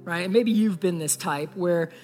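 A man's voice: high-pitched, moderate pace, darkish tone. A young man preaching a sermon, an earnest pastor telling a story and speaking straight to the congregation. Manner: earnest, talks straight to the audience. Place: church sanctuary. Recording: echoey hall with faint music.

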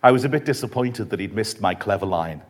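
A man's voice: fairly low pitch, animated. Reflective male preacher telling a story. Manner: measured, reflective, softly emphatic. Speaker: preacher at a weekend retreat. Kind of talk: sermon with storytelling.

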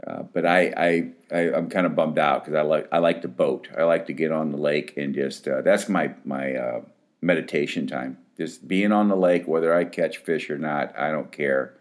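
A man's voice: a bass voice, moderate pace. A man in his fifties, an addiction counselor, talking casually to his clients in a rambling, frank way full of restarts.

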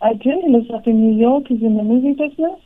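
A middle-aged woman from Africa, answering interview questions calmly and briefly. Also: on the high side, fast, dry recording, narrow, tinny audio. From South Africa. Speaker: guest, home health care business owner.

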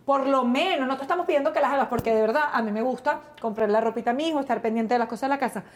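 A high-pitched woman with a Venezuelan accent, in her thirties, co-hosting a playful talk show. She rants in an animated, exasperated way and acts out quotes as she vents. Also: racing. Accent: Venezuelan Spanish. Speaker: co-host. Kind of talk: casual comedic banter.

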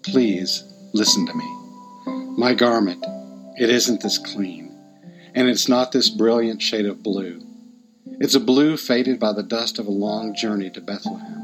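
A man voicing a soft, pleading teenage girl. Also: fairly low pitch, normal speed, natural voice. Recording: music playing behind.

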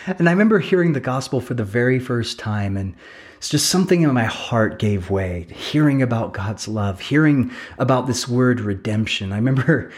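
A man's voice: mid-range voice, darkish tone. Earnest man preaching in repeated phrases. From England. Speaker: pastor. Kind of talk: sermon.

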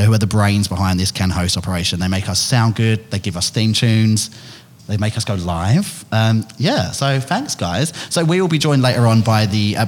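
A man with an Essex accent, hosting a podcast in casual, jokey chat with guests around a table. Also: on the low side. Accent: Essex English. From England. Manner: chatty, jokey, playful. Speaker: podcast host.

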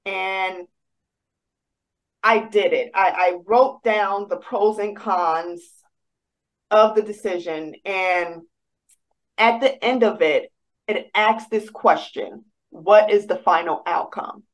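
A woman sharing a personal faith testimony, speaking haltingly with many restarts and growing more emotional as she goes. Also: medium pitch, rough recording. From United States. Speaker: guest sharing a personal story.

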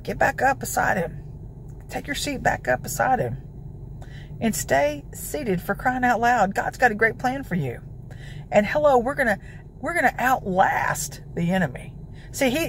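A woman with a gravelly voice giving informal, emphatic devotional exhortation as a prayer preacher. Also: mid-range voice, slight background noise. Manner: emphatic, declarative, peppered with scripture citations.

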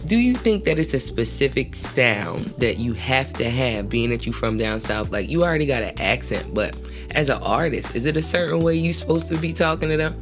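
A Southern woman hosting a relaxed interview, her voice swinging up and down as she jokes in slang. She sounds playful and lively, and faint music plays under her talk. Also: rumbling low, a little fast. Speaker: interview host. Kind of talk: casual interview.

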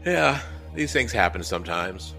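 Brief: smooth, placating older desk clerk, polite and calm, played by the narrator. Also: male voice, deep voice, normal speed, over music, heavily acted. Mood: knowing.

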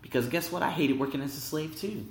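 A man's voice: fairly high pitch, quick pace. A man in his thirties hosting his own podcast, talking emphatically and rambling in a motivational monologue, recorded in an echoey room at his workplace. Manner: animated, emphatic, rambling and conversational. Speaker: podcast host. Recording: echoey room with big reverb.

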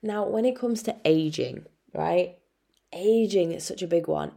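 A young woman with an Irish accent and a lowish voice hosts a solo nutrition podcast. She talks in a frank, chatty way, drops casual swearing and calls her listener babe. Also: a little slow, creaky, mellow.

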